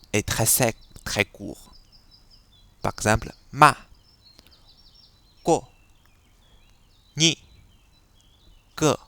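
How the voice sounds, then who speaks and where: Slow, low-voiced man teaching tones. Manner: patient, repeats syllables to model tones. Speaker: Chinese language teacher. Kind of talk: slow explanatory lesson.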